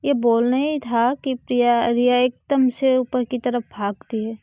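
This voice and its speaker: A woman narrating a serialized romance story in a slow, repetitive way with frequent self-corrections. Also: fairly high pitch, steady tone, no echo, muffled recording.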